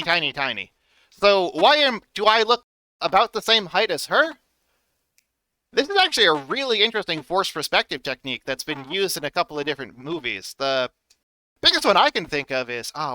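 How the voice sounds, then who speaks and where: A man streaming casual reaction commentary in an animated, exclamatory and emphatic way. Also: fairly high pitch, dry recording.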